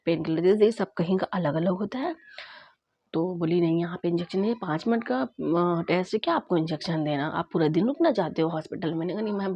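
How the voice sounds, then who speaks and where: A woman vlogger casually recounting her own experience, acting out both sides of the conversations in a lively way. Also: lowish voice, breathy edge, lo-fi sound. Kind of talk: casual storytelling vlog.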